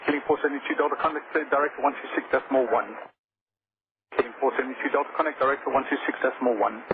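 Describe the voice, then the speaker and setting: A male air traffic controller delivers procedural instructions at a fast pace. His medium-pitched voice sounds thin through a noisy radio link. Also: fairly even intonation. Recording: static-laden narrow-band aviation radio.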